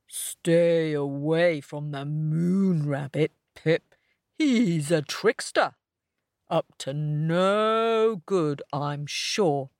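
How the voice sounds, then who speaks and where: A woman voicing a big, slow, grumbling male yak who speaks gruffly and deliberately. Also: low voice, darkish tone, dry recording, studio quality, full character voice. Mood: gruff warning.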